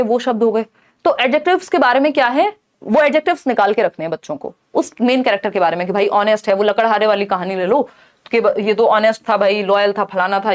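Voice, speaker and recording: A woman teacher runs through an exam-prep lesson at a rapid clip. Her voice sits a little high, and she keeps checking in with her listeners through short rhetorical questions. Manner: explains with rhetorical questions and Hindi-English mix.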